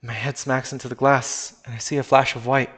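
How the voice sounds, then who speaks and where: A man's voice: medium pitch, flat delivery, fairly quick, a bit bright, husky. A man reading a first-person story aloud on a stream, casual in tone, swearing now and then and restarting sentences.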